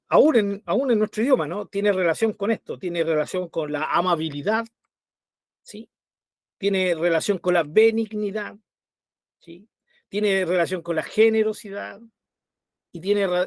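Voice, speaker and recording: A man's voice: high voice, no room sound, clean studio sound. A man teaching a Bible study, conversational and often checking in with his listeners. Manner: conversational, checks in with frequent tag questions.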